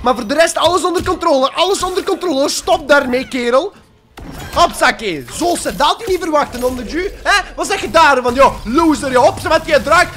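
Flemish young guy, high-pitched, a bit sick, rowdy gaming commentary over faint music. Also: brisk. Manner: joking, excitable, shouts during fights. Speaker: gaming YouTuber.

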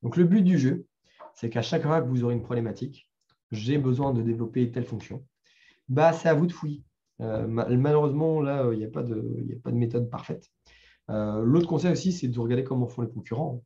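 At a developer meetup, a middle-aged man with a French accent presents a live talk with a screen demo, speaking conversationally with lots of fillers and restarts. He sounds brisk, gravelly and warm in a mid-range voice, captured with lo-fi sound.

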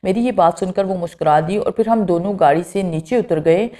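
A woman narrating a first-person horror story in a steady, scripted reading. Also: lowish voice.

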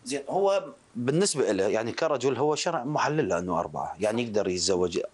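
A man's voice: medium pitch, big pitch swings, quick pace. A man with an Iraqi Arabic accent, asking questions as a television interviewer.

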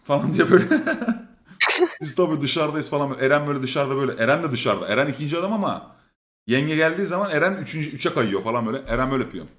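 Animated swearing male storyteller, echoey room. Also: mid-range voice, very fast. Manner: swearing, laughing storyteller who acts out others' lines. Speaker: storyteller on a stream. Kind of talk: casual anecdote telling.

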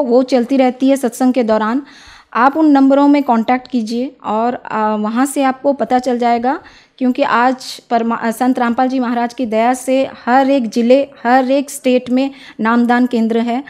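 A young woman speaks as an interview guest, making her case earnestly and persuasively. Her voice sits a little high, and she often pauses on soft filler sounds between phrases. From Odisha, India. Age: young adult. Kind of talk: devotional testimony interview.

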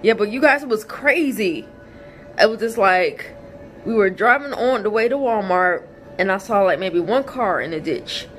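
A woman's voice: mid-range voice, expressive, normal speed, fairly bright tone. A chatty woman, talking casually to viewers in a home vlog. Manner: chatty, repeats you guys. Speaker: vlog host. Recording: faint music behind.

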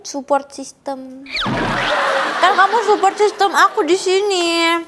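A woman playing a cheeky young student in a sitcom who teases and puns with a deadpan delivery. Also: very high voice, takes it slowly, loud music behind the voice. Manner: cheeky, teasing and deadpan punning. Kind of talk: sitcom acting.

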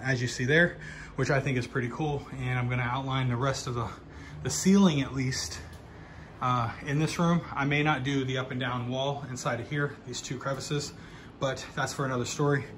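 A man's voice: mid-range voice, fairly even intonation, moderate pace, fairly bright tone, a little hiss or hum. A man casually talking through his home studio setup in a loft, rambling with lots of fillers. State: out of breath. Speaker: channel host. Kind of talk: casual vlog update. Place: home loft room being set up as studio.

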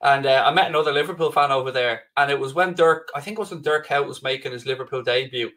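A man's voice: medium pitch, quick pace, a bit bright. A middle-aged man with an Irish accent, chatting casually as co-host of a live football watch-along. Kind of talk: casual live match chat.

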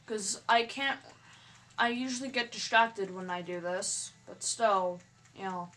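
Woman, gaming vlogger, casual chat, stuttering, halting delivery, slow pace. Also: mid-range voice, a bit bright, a little hiss or hum. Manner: hesitant, stuttering, restarts sentences. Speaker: gaming YouTuber. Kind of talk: casual vlog talk while playing a game.

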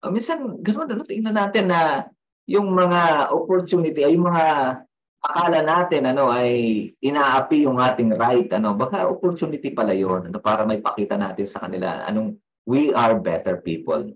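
A man's voice: on the high side, animated, moderate pace, muffled recording. A man, a pastor giving a devotional sermon in a conversational style, often checking in with "no?" and telling personal stories.

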